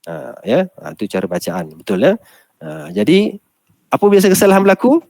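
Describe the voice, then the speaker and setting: A man with a Malaysian Malay accent teaches Quran recitation in a class, explaining patiently step by step and chanting verses slowly. His fairly high, slightly mellow voice has big pitch swings and vocal fry, and the recording is dry.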